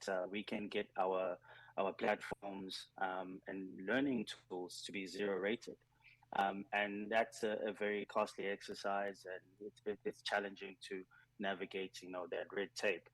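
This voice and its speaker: A man from South Africa who leads a nonprofit program, talking in a radio interview in an earnest, measured way, with many ums and uhs. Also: low voice, a bit bright, dry recording, low-quality recording. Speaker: nonprofit digital skills program leader.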